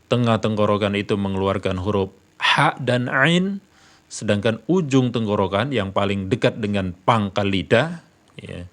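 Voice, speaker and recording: Male recitation teacher, unhurried explanatory delivery, fairly low voice, keeps checking in with "ya". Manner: repeats "ya" often, drawls verses slowly. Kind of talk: explanatory religious lesson.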